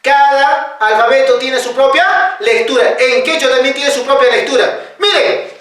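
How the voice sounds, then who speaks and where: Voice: sits high, moderate pace, a bit bright, heavy reverb, distant mic. A teacher giving a patient alphabet lesson, reading the letters one by one and checking that students are following. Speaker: Quechua teacher. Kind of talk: classroom-style alphabet lesson.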